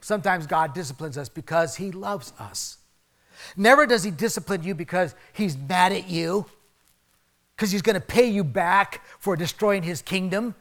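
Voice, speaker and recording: Male pastor, middle-aged, sermon, animated storytelling, slightly high voice. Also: moderate pace. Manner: animated storytelling, swings between loud emphasis and soft asides.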